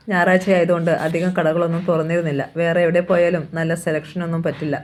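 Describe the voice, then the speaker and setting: A narrator reading a novel aloud in a steady manner. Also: mid-range voice.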